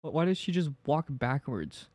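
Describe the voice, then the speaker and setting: A young man streaming horror games with live commentary, jumpy and excitable, speaking into a close desk mic. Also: fairly high pitch, moderate pace, dry recording. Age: young adult. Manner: jumpy, excitable, often yelping and screaming. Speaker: game streamer. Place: small bedroom streaming setup, indoors. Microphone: desk microphone close to the mouth, headphones on. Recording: game sounds and clicks behind voice.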